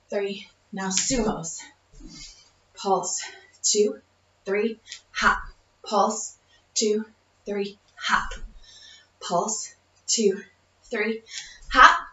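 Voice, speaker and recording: Fitness vlogger, woman. Slow, bright counting of reps, a little winded, recorded on a far camera in a roomy home with dull audio. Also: mid-range voice. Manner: counts reps aloud, encouraging, laughs between cues. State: short of breath. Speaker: fitness instructor. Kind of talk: home workout instruction.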